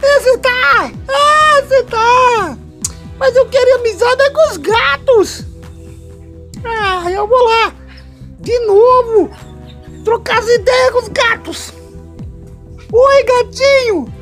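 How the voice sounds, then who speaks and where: A tiny toy doll with a Brazilian Portuguese accent, whose voice sits extremely high and squeaky. He drags his words out slowly in a whiny, tearful plea. Faint music plays behind him. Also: a bit bright, exaggerated voice. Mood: plaintive. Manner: whiny, tearful pleading with frequent giggles. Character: squeaky little male toy doll, needy and eager for friends. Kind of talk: comic voice-over for a home video.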